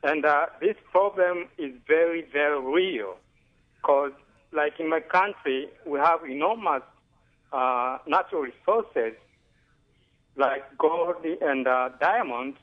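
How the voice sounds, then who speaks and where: Halting man from Tanzania on a phone line. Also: fairly high pitch. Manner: earnest, halting with fillers. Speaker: caller. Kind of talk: phone-in call.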